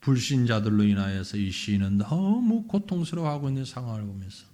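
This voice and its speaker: A man's voice: medium pitch, lively intonation, fairly quick, warm tone. A middle-aged male pastor preaching a sermon in a conversational way, asking his listeners questions and acting out the quotes.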